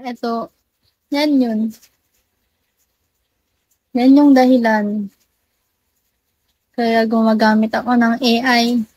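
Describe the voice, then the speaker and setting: Filipino woman, unhurried pace, close dry sound, missing front teeth, casual teasing live-stream chat. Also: on the high side, little pitch movement, darkish tone, no room sound, low-quality recording. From Philippines. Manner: teasing, playful banter.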